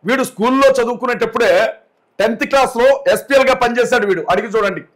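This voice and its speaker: A man giving an interview as a guest, speaking forcefully and indignantly, repeating his points and addressing the interviewer respectfully. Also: very high voice, quick pace. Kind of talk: heated interview talk.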